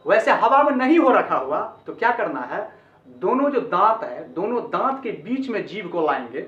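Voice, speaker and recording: A man's voice: high-pitched, sing-song, normal speed, a bit bright. A man teaching English pronunciation in a lesson, repeating each sound several times and calling the viewers friends. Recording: echoey, distant, dull lo-fi sound.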